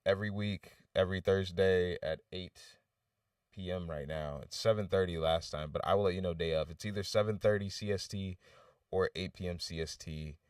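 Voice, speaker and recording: A man's voice: deep voice, fairly even intonation, normal speed, no echo, clean studio sound, recorded from a distance. A man giving candid, loose and rambling feedback on submitted songs during a casual livestream. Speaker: livestream music reviewer.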